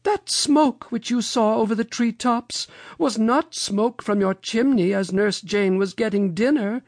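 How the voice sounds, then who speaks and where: A reader voicing Mother Goose, a kindly old storybook lady with a dramatic, drawn-out way of exclaiming. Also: mid-range voice, dry recording, studio quality, pitched above the performer's own voice, natural voice. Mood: lamenting.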